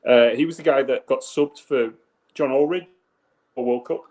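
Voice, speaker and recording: A man's voice: medium pitch, normal speed, a little mellow. A man who works as a teacher, giving blunt, matter-of-fact opinions in a casual podcast chat.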